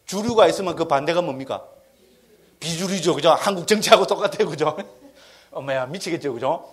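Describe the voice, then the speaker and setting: A man's voice: fairly high pitch, a little fast. A middle-aged man, a Buddhist monk, giving a dharma lecture and constantly checking the audience's agreement. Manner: animated, keeps asking the audience for assent.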